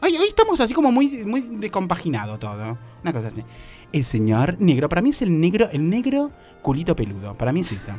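A man's voice: sits high, huge pitch swings, fast talker, darkish tone, soft background music. A man doing a camp, gossipy show host. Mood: camp teasing. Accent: Argentine Spanish. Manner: camp, theatrical, calls everyone "mi amor". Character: flamboyant camp male host, gossipy and flirtatious. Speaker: comedy show host in character. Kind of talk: comedic radio show banter.

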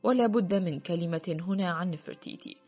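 A woman reads a literary story in first person with a lowish, husky voice and a steady, measured delivery. The recording sounds a little muffled, with faint music under her. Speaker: audiobook reader.

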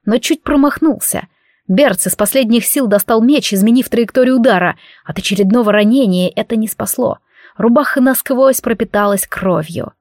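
A woman's voice: fairly high pitch, moderate pace, darkish tone, no echo, studio quality. A woman reading a fantasy novel aloud as an audiobook narrator. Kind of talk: scripted narration.

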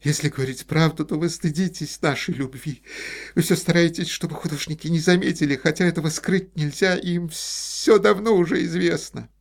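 A man's voice: medium pitch, moderate pace, warm tone, slightly rough, voice pushed up. A man voicing a distraught young woman in an audiobook, tearful and reproachful as she pleads. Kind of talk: audiobook character voice.

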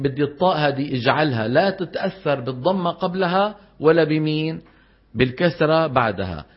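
Man teaching recitation, lo-fi. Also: a little high. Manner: explains, quizzes students and drawls example words slowly. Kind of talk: classroom lesson on tajweed.

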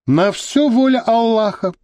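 A man's voice: very high-pitched, unhurried, a little mellow, no room sound, voice pushed up. A man voicing a wailing Chechen guard. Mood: pleading. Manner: wailing, self-pitying. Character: lamenting Chechen male kidnapper guard, pious and sly.

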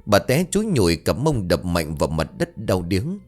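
A man narrating a scripted horror story in an expressive storyteller voice. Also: deep voice, normal speed, soft background music.

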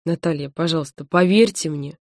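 A woman's voice: mid-range voice, brisk, darkish tone, dry recording, clean studio sound, natural voice. A woman reading an audiobook voices a young mother pleading earnestly on the phone.

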